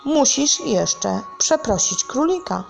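A small, eager storybook piglet, as a woman puts him on. He speaks earnestly in a raised voice, slowly, with a gravelly texture. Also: sits high, very animated, soft background music, pitched above the performer's own voice, exaggerated voice.

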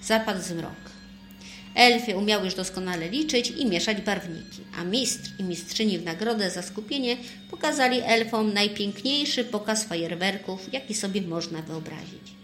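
Woman storyteller, lively, expressive, children's story, echoey room, soft background music. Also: mid-range voice, moderate pace.

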